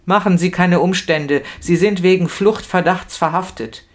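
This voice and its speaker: A woman's voice: lowish voice, normal speed, lightly acted. A woman voicing a brusque male official who orders an arrest, in a read-aloud novel. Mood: curt. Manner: brusque, dismissive.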